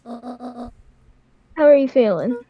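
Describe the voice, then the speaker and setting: Brief: woman playing a mischievous grandma for a game dub, fairly high, dry close sound. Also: slow pace, husky, no room sound, lo-fi sound, full character voice. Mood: gentle. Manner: calm, warm-hearted advice with crude jokes. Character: kindly elderly grandmother, joking and mischievous. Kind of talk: improvised game voice-over.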